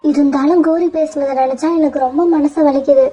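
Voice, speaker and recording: Figure: Sona. A woman doing a gentle mother bird. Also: sits high, steady tone, brisk, soft background music, natural voice. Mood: earnest. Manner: soft, earnest.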